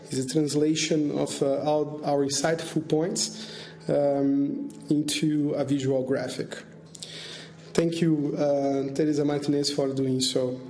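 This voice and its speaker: A man's voice: a little high, little pitch movement, slow, darkish tone. A man moderating a webinar panel over a video call, hesitant, with many fillers and repeated words. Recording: echoey room.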